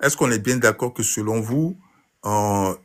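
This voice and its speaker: Low-voiced man calling into a debate. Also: measured pace, fairly bright tone. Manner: hesitant with fillers, flares up when interrupted. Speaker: caller in a live debate. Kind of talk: casual live debate.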